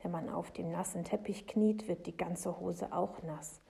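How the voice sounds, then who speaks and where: A woman reading a children's story aloud in a lively, expressive way. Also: lowish voice, measured pace, vocal fry.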